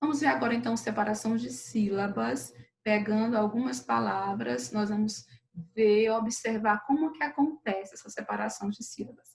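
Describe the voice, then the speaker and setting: A woman teacher with a Brazilian Portuguese accent giving a lesson to children, patient and slow over syllables, often checking in with the class. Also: a little high, gravelly, low-quality recording. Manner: patient, drawn-out syllables, frequent "beleza?" checks. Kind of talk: recorded remote lesson for children.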